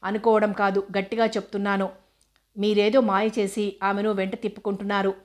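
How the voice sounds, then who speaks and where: A woman's voice: mid-range voice, flat delivery, brisk, a little mellow, natural voice. A woman reading the part of a jealous, hot-tempered husband confronting a rival. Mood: indignant. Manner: angry, confrontational.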